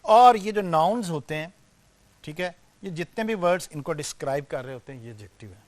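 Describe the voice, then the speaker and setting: A man's voice: on the high side, lively intonation, dry recording. A man teaching English grammar to students, explaining step by step and checking in often with questions. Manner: volume rises and falls sharply, slows to stress example sentences. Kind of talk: classroom grammar lecture.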